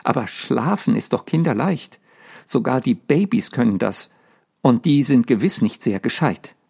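A man voicing a bold young American girl who speaks in a brisk, cheeky, matter-of-fact way. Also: mid-range voice, sing-song, gravelly, darkish tone, breathy edge, exaggerated voice.

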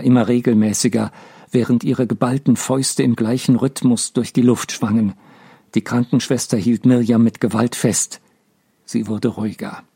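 Male audiobook narrator, measured and sober, with a dark, husky voice. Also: mid-range voice. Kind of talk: audiobook reading.

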